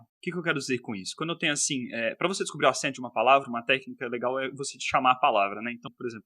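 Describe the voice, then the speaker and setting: Podcast guest, male, São Paulo interior accent, brisk explanatory delivery, crisp bright voice. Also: medium pitch, dry recording, clean studio sound. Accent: São Paulo interior Portuguese. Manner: explanatory, gives examples, many "né?" tags. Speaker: linguist guest.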